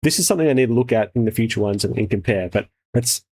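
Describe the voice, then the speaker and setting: A man's voice: medium pitch, animated, rapid-fire, warm tone, slightly rough. A man hosting a casual trailer reaction with sweary, laddish, slangy enthusiasm. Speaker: host, game developer reviewing trailers.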